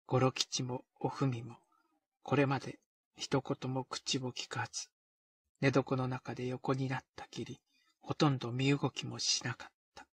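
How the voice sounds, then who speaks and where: A man reading a period novel aloud in a measured, deliberate way. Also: mid-range voice, level tone, husky, dry recording. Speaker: narrator. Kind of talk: scripted narration of a period novel.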